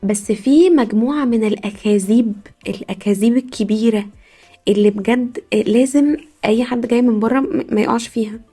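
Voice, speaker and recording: A young woman from Egypt with an Egyptian Arabic accent, hosting a podcast as a casual comic monologue, telling stories in an animated way with frequent laughs. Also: fairly high pitch, brisk, breathy edge. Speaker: podcast host.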